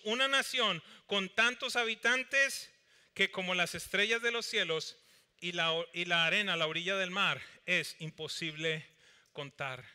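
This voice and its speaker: Male preacher, high clear resonant voice, animated sermon delivery, church hall reverb. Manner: animated preaching, acts out Bible dialogue and skits.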